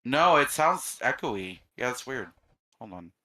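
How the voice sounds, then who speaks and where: A man's voice: medium pitch, very animated, unhurried, pushed and bright. A man on a casual podcast chat whose voice comes through a tinny, echoey webcam mic, like talking inside a metal can, as he checks his audio. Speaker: podcast co-host.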